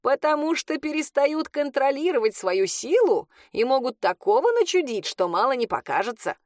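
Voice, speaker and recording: A woman reading aloud, voicing a brash old village witch who teases, cackles and shouts. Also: high voice, very animated, moderate pace, no room sound, studio quality, voice pushed up. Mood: boisterous teasing. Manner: boisterous, teasing, laughing.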